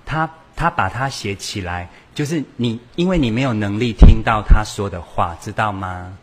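A man's voice: fairly low pitch, moderate pace, breathy edge. A man giving a humorous church lecture, telling stories with acted dialogue. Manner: lively storytelling with acted dialogue. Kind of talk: humorous sermon-style lecture.

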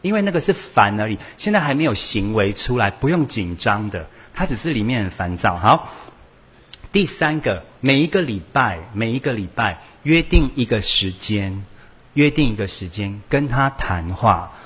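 In a funny church talk styled like a sermon, a man brings his stories to life by acting out the dialogue. He has a husky, fairly low voice and speaks at a normal speed.

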